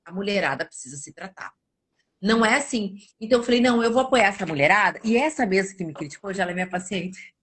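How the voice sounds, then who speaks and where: Speaking fast with a breathy edge in a mid-range voice, a forty-something nutritionist tells her own stories during an informal podcast conversation. Her delivery is lively, and she plays out each quoted exchange.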